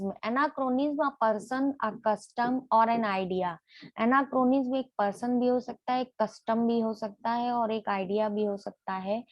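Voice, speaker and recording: A woman teaching literary terms for an exam, who reads each definition slowly, then explains it, repeating key words and asking and answering her own questions. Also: on the high side, no echo, lo-fi sound.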